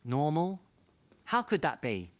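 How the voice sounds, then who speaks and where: A man playing an excitable, eccentric time traveller in a fan audio drama, rambling theatrically to himself. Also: a little high, takes it slowly, dry recording. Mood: bewildered. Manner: theatrical, rambling self-talk.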